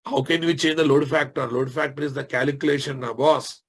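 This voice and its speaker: A man with a Telugu Indian accent and a slightly husky voice, teaching a live technical class, repeating phrases and quizzing his students informally. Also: mid-range voice, fairly even intonation, fairly quick. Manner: repeats phrases, often addresses listeners informally. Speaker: programming instructor.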